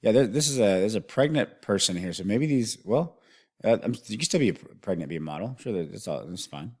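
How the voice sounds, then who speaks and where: A man's voice: fairly low pitch, animated, fast talker, breathy edge. A man hosting a music video reaction, thinking aloud in a rambling way and often restarting his sentences.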